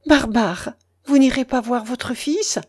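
A woman's voice: on the high side, takes it slowly, darkish tone, husky, voice pushed up. A woman voicing an overwrought noblewoman and mother in a read-aloud novel, pleading with breathless, rising cries. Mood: exalted.

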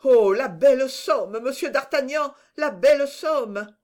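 A storybook reader voicing Planchet, an excitable middle-aged grocer who exclaims in startled bursts. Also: high voice, takes it slowly, voice pushed up. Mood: overjoyed.

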